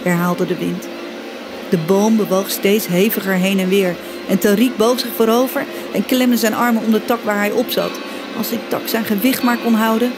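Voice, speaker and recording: A woman's voice: medium pitch, normal speed. Woman reading a children's story over music. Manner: expressive, voices the characters' cries. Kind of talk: scripted storybook narration for children. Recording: music bed behind voice.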